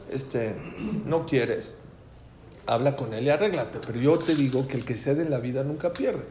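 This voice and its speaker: Male religious teacher, mid-pitched, animated storyteller who voices the characters in his anecdotes; roomy recording with faint background noise. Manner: animated, acts out dialogue in stories. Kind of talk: storytelling lecture. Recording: echoey room with faint ambient noise.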